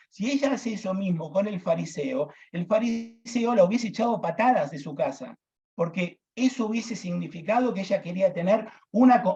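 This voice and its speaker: A man's voice: sits high, a little mellow. Man, deacon teaching Bible class, emphatic, repeats phrases, muffled lo-fi sound. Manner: emphatic, repeats key phrases, addresses listeners as brothers.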